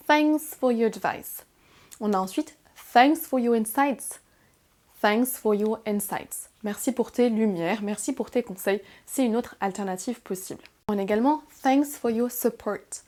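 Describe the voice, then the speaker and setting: A young woman with a French accent leads a beginner English lesson. Her voice sits a little high. She moves quickly through the explanations and then slows down to pronounce each English phrase with care. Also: darkish tone. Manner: clear, deliberate model pronunciations, slowing on English phrases. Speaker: English teacher.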